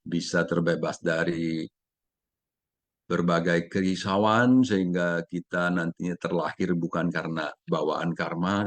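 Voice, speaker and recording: Male Dharma speaker, very low voice, measured, hesitant fillers when explaining, dry sound. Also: no room sound. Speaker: Buddhist Dharma sharing speaker. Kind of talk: Dharma talk, reading then explaining.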